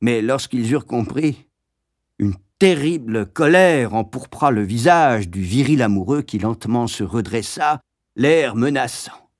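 A man narrating a story aloud in a lively, dramatic reading. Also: medium pitch, unhurried, dry recording, studio quality.

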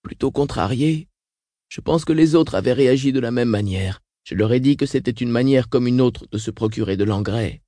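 A man reading the part of a frail, weakened old woman who speaks flatly and stays unshaken. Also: mid-range voice, moderate pace, no room sound, clean studio sound, natural voice. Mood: grim. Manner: flat, unshaken. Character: frail elderly sister, weakened and coughing.

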